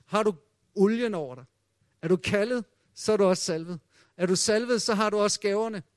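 A man preaching a sermon in a high, light voice, telling the old stories with drama. He drops almost to a hush when he quotes the voices in them. The sound is dry and close, with no room echo.

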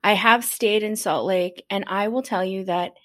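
A woman's voice: medium pitch, normal speed, a bit bright. A woman hosting a podcast, asking questions in a chatty, upbeat way and laughing easily. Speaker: podcast host. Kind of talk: casual interview chat.

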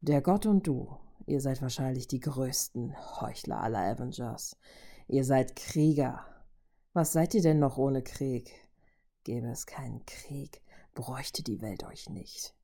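A woman voicing a cold, menacing male robot villain in a low, hushed murmur. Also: measured pace, heavily acted.

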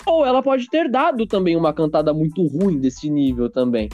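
A man's voice: on the high side, expressive, moderate pace, a little mellow, soft background music. A man hosting a casual podcast, playfully explaining a segment to a guest. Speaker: podcast host.

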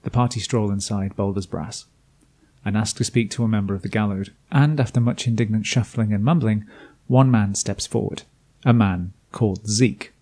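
A man's voice: lowish voice, steady tone, normal speed, darkish tone. A man reading a scripted recap of a tabletop campaign as game master, with dry, self-deprecating asides. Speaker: game master and podcast host.

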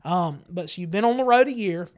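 Young host with a higher voice, halting. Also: male voice, lively intonation. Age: young adult. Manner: halting and filler-heavy, warmly affirming. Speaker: podcast host. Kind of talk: casual interview chat.

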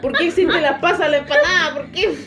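A young woman with a Chilean accent, playful and expressive in a casual chat among friends, often laughing. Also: very high voice, fast talker, music in the background.

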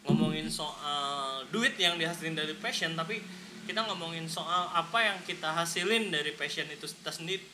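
Young dude podcast host, high-ish voice, jokey, swears a lot, noisy background. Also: male voice, normal speed. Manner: joking, swears playfully, mixes in English phrases. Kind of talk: casual podcast banter.

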